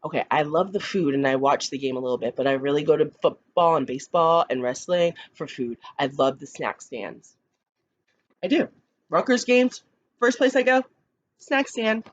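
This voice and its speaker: A woman who teaches kindergarten, reading picture books aloud slowly and expressively, with chatty asides to the children. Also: dull audio. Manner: slow, expressive read-aloud with lively pitch, chatty asides.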